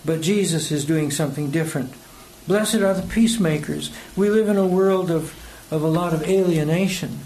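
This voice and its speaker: The preacher, an older man with an American accent, tells personal anecdotes in a conversational sermon. His slightly mellow voice is on the high side, moving at normal speed with barely a pause; he's hesitant and rambling and chuckles as he goes. Background noise is clear on this rough recording.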